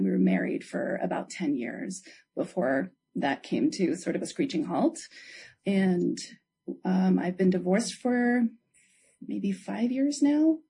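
A woman's voice: on the low side, gravelly, warm tone, breathy edge. A woman in her forties who grew up in Saudi Arabia, a guest speaking candidly and wryly. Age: 40s. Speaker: panel guest. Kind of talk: casual conversation.

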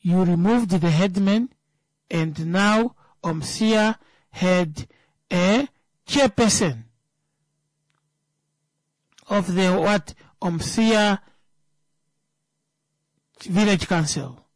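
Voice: medium pitch, very slow, pauses often, no echo. A speaker with a Namibian accent giving an impromptu political talk, emphatic, repeating phrases and answering their own rhetorical questions.

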